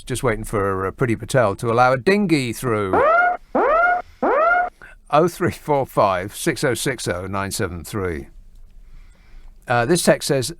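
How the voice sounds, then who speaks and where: At a studio microphone, a man with a mid-range voice hosts a late-night radio phone-in, and the sound has no echo. He muses wryly, often trailing off and restarting his thoughts.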